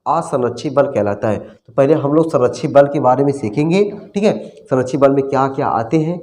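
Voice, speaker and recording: A man's voice: medium pitch, animated, brisk, darkish tone. A man teaching a physics lesson in a casual classroom manner, asking questions and answering them himself, repeating the key terms, and calling his students brother. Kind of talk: classroom lecture.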